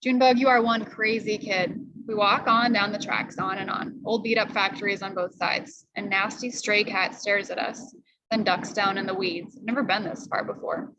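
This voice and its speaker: A woman reading a novel aloud to students, clearly and with pauses to explain what she reads. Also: mid-range voice, fairly even intonation, bright, forceful tone, low-quality recording. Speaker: reader.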